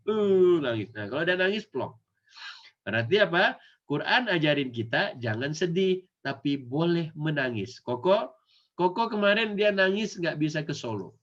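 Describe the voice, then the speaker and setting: A male Islamic teacher with an Indonesian accent giving an animated Quran lesson to children, often acting out the kids' voices. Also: a little high. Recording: dull lo-fi recording.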